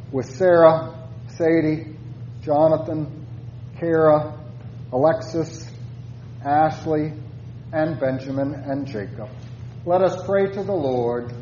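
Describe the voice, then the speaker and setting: A man leading formal church prayers as a pastor, in a solemn, measured manner. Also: a little high, mellow, reverberant. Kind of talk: formal liturgical prayer and chant. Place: church service. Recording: muffled church recording with faint noise.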